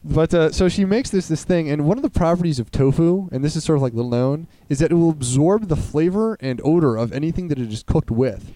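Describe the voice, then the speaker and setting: A man's voice: on the high side, expressive, brisk, hardly any pauses, mellow, dry recording. A young man telling a rambling, crude, joking story in casual chat.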